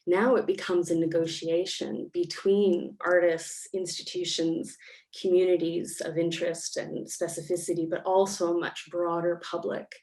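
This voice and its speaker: Speaking at a normal speed, a Canadian woman has a lowish, darkish voice with little pitch movement. As an arts researcher on a panel, she makes thoughtful, filler-heavy remarks via video call from a home or office in Melbourne.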